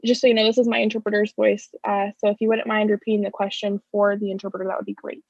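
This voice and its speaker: A woman interpreting live for a deaf panelist on a video call, speaking his signed words aloud in first person with halting self-corrections. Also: medium pitch, flat delivery, gravelly, no echo, highs cut off. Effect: interpreter's voice-over of a deaf speaker's signing. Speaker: sign language interpreter voicing a deaf panelist.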